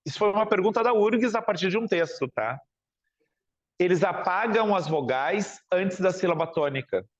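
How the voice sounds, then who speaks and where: A man's voice: sits high, lively intonation, normal speed, dull audio. A man from Porto Alegre with a southern Brazilian accent, teaching a classroom lecture and often asking the class questions. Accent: Brazilian Portuguese, Porto Alegre. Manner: questioning, chatty, ends phrases with tag questions.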